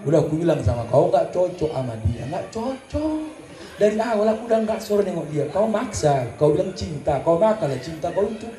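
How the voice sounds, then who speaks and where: A man's voice: high-pitched, big pitch swings, brisk, mellow. A man putting on a scornful mother who scolds her married daughter in a nagging, repetitive way. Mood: scolding. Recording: echoey hall with faint noise.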